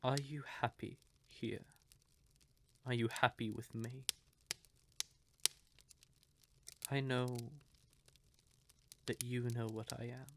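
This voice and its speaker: In a scripted audio roleplay addressed to the listener, a man plays a courtly, possessive vampire lover, speaking theatrically and deliberately with syrupy endearments and breathy, quietly menacing undertones. Here his level, mid-range voice sounds earnest and pleading, with background noise.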